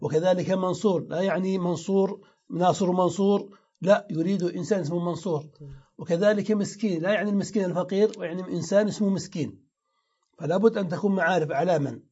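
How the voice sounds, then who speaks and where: High-voiced man teaching grammar, muffled. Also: fast talker, dark tone, slightly rough. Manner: explains step by step, repeats example words aloud. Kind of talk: classroom grammar lesson. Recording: dull lo-fi lecture recording.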